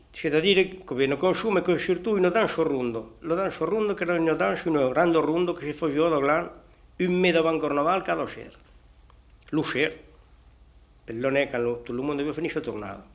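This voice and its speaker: A man who sings traditional songs, explaining a folk dance in halting, fragmented phrases. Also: on the high side. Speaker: traditional singer.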